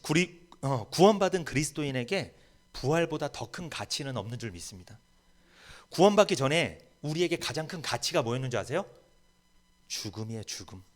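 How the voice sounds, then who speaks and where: A man's voice: medium pitch, sing-song, fairly quick. A man preaching a sermon as pastor, emphatic and rising to bold proclamations in a church. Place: church sanctuary.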